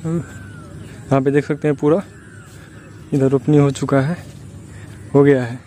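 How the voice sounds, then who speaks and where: A young village vlogger from Bihar, India, talks casually to a phone held at arm's length outdoors at a building site and rice fields. His medium-pitched, mellow voice is slow and fairly even, with a little hiss or hum, as he chats, complains, and explains things step by step.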